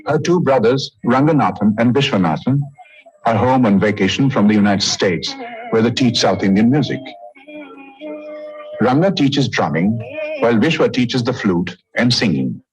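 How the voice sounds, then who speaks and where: A man reading scripted documentary narration in a measured, even tone. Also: medium pitch, dull audio, faint music behind.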